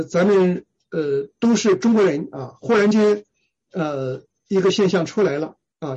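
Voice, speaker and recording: A Bible teacher giving a sermon who keeps asking rhetorical questions and fills pauses with drawn-out "ah"s. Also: medium pitch, mellow, slightly rough. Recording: dull lo-fi recording.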